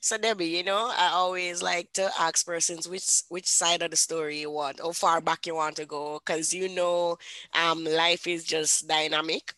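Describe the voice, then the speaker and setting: Woman, Jamaican accent, podcast guest, storytelling, bright, dry sound. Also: lowish voice, flat delivery, normal speed, dry recording. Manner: warm storytelling, many fillers. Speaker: guest author. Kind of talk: casual interview talk.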